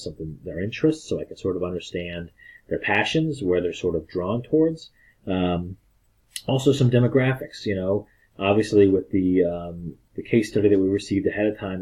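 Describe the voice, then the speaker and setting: A man with a husky voice explaining a therapy approach like a student presenter, in a measured, hesitant way with pauses mid-phrase. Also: deep voice, warm tone, poor audio. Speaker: student of family therapy doing an assignment. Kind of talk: explanatory talk with therapist role play.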